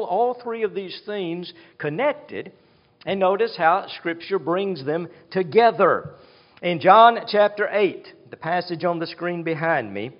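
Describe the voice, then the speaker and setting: A man's voice: high voice, dull audio. A man preaching an earnest, reflective sermon in a church, retelling scripture scenes. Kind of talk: expository sermon. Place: church with a screen behind him.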